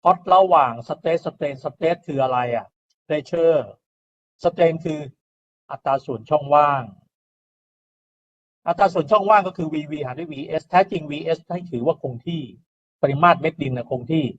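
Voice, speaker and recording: A male lecturer walks through engineering graphs in a relaxed, step-by-step way. He often checks his listeners are following. His voice sits somewhat high, and the recording sounds dull and lo-fi, as if it came from a basic computer mic. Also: measured pace, a little hiss or hum. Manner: explains step by step, often asks "right?" and adds polite particles.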